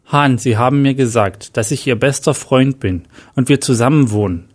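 A man's voice: mid-range voice, moderate pace, a little mellow, close to an everyday voice. A man voicing a polite, hesitant amnesiac man who is timid and later overjoyed.

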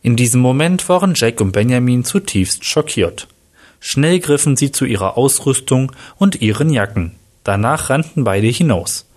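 A man's voice: medium pitch, expressive, moderate pace, a little mellow. Man reading a crime story. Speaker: narrator.

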